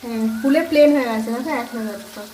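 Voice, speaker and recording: A hoarse woman chatting casually to her viewers as friends while cooking at home. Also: a little high, rapid-fire, warm tone, roomy sound, a little hiss or hum, rough recording. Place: home kitchen. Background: frying and sizzling.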